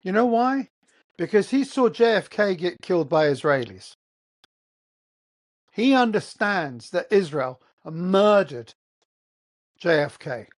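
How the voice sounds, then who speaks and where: An Englishman hosts a heated solo rant, blunt and profane, firing off one rhetorical question after another. His voice sits high and swings widely in pitch, and he speaks slowly with long pauses.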